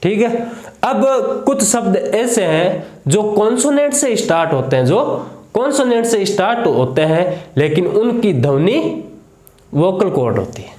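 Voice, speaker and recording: A man's voice: sits high, very animated, unhurried, a little mellow, reverberant. A man teaching a grammar lesson in a Hindi accent. He asks the class a question and then repeats the answer.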